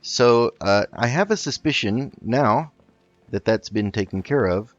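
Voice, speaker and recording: A gaming video host chats and thinks aloud through a casual roleplay let's play, with faint game music underneath. His mid-range voice is animated and unhurried, with no echo, though the mic sounds slightly dull.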